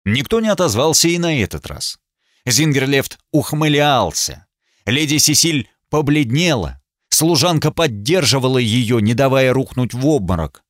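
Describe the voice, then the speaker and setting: A man narrating an audiobook in an expressive, animated reading voice, close to a studio mic. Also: mid-range voice, moderate pace, dry recording. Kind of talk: scripted narration.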